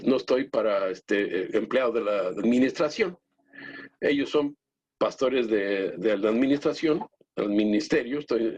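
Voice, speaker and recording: A man who is a lay pastor, teaching his congregation in an earnest, halting way with many restarts and direct appeals to the brethren. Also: mid-range voice, darkish tone, slight background noise. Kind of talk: church teaching talk. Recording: dull lo-fi recording.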